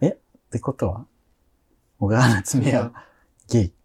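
A man co-hosting a casual podcast, tossing out quick teasing quips and laughing a lot. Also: mid-range voice, a little mellow, slightly rough. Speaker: podcast co-host. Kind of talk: casual chat.

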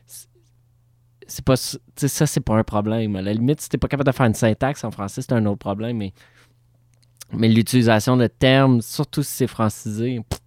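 A man's voice: medium pitch, darkish tone, dry recording, studio quality. A man, co-hosting a casual podcast conversation in a loose, slangy way with English interjections.

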